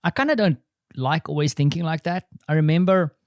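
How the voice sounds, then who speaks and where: A man's voice: on the high side, fairly quick, no echo, clean studio sound. A middle-aged man hosting his own podcast, rambling and self-deprecating in a casual solo monologue. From South Africa. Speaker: podcast host. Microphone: studio microphone.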